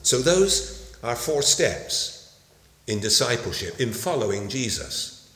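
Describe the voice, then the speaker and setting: A man preaching a sermon in an unhurried, measured voice, leaning on each key word. He speaks at a middling pitch. His voice rings out in a roomy hall with a long reverb. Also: sing-song, fairly bright tone. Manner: slow, deliberate delivery with emphatic pauses.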